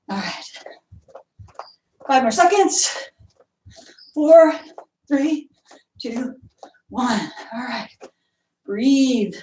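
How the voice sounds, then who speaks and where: A woman's voice: sits high, darkish tone, recorded from a distance, a little hiss or hum. A woman instructor leading an online martial arts workout, cueing and counting moves, getting out of breath. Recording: echoey room, voice from afar.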